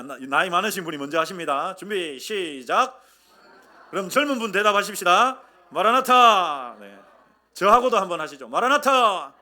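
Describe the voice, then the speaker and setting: A male pastor with a Gyeongsang accent preaches in a church, joking and calling out for the congregation to repeat after him. His voice is bright and forceful, and it swings widely in pitch. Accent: Gyeongsang Korean. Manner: lively, humorous preaching, leads congregation in call-and-response. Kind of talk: sermon. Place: church sanctuary.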